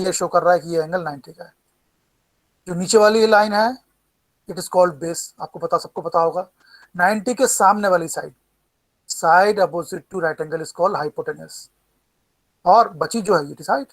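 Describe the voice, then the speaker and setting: A male math teacher running a class, mixing Hindi and English, calling on students by name and slowly repeating each formula for them to memorize. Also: high voice, a bit bright, rough recording.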